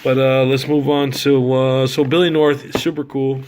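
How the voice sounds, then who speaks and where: A man's voice: mid-range voice, little pitch movement, a little slow, darkish tone, slight background noise. A middle-aged man casually telling rambling, slangy fan stories, swearing now and then. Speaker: autograph collector and fan. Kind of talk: casual storytelling vlog.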